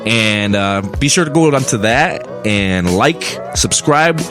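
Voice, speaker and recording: A man's voice: mid-range voice, expressive, takes it slowly, over music. A young man co-hosting a casual podcast, rambling with frequent restarts and fillers. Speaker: podcast co-host.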